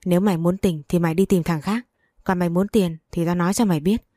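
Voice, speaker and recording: A woman's voice: lowish voice, fairly even intonation, brisk, dark tone, no room sound, studio quality, lightly acted. A woman voicing a furious, betrayed wife who curses and scolds harshly.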